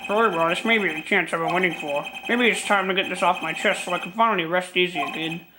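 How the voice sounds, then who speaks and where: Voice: medium pitch, quick pace, over music, natural voice, low-quality recording. A performer voicing a troubled, apologetic older male lawyer for a video game, fatherly and old-fashioned in a hesitant, ponderous way. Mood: weary, confessing.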